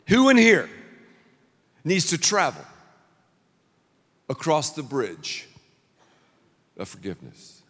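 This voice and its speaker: A middle-aged pastor preaches a sermon, telling stories with animated delivery and shouting out lines he acts out. His voice is high, and he sounds like he's in a large hall.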